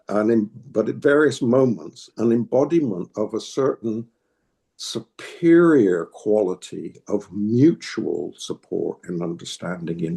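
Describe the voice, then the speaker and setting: An older man whose voice sits on the low side, with vocal fry and a warm tone, answers interview questions as a political activist. He is from New England, United States, with a New England American accent, and his reflective talk is hesitant and thoughtful with frequent restarts.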